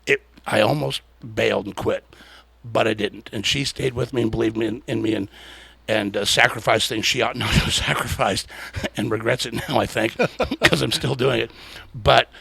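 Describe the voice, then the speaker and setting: A man's voice: mid-range voice, normal speed, vocal fry, sharp tone, husky, no echo. A man hosting a podcast, animatedly telling stories and laughing often as he talks. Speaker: podcast host. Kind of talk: casual storytelling interview.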